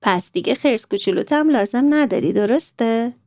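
A woman voicing a kind, gently teasing mother in a storybook. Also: fairly high pitch, expressive, no echo, clean studio sound. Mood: gentle. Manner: soft and kind.

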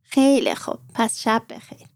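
A woman doing a gently teasing mother. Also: fairly high pitch, very animated, dry recording, clean studio sound. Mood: gentle. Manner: soft and kind.

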